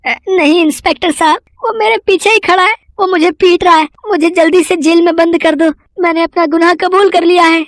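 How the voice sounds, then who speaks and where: A woman's voice: low-pitched, big pitch swings, a little slow, no echo, clean studio sound, full character voice. A woman voicing a greedy, cowardly male thief in a cartoon story who squeals and pleads in panic. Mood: terrified.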